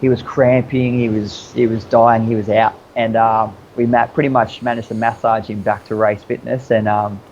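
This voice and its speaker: Low-pitched man on a muffled recording. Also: level tone, moderate pace, few pauses, a little mellow, a little hiss or hum. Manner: easygoing, rambling, slangy. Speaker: interview guest, obstacle racer. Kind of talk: casual storytelling chat.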